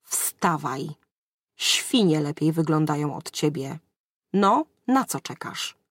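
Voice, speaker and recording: A woman's voice: deep voice, lively intonation, takes it slowly, dry recording, clean studio sound, exaggerated voice. A woman reading the lines of a self-assured, mocking woman who scolds a drunk sorcerer in a storybook. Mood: scolding.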